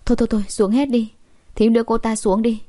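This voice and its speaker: A woman's voice: a little high, little pitch movement, fast talker, lightly acted. Give me a woman playing a haughty, irritable young rich wife for an audio story. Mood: irritated. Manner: sharp, complaining.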